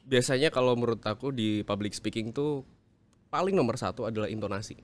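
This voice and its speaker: A man talking as the guest in a casual interview on public speaking, animated and swinging his pitch widely for emphasis. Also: brisk.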